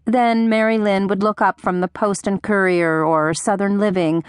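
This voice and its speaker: Woman, audiobook narration, gentle and wry, lower voice, dry booth sound. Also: no echo.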